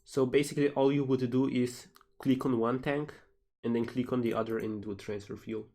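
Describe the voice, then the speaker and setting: A man's voice: mid-range voice, steady tone, brisk, mellow. A man from Slovenia, a game developer casually reading out and answering questions on a livestream.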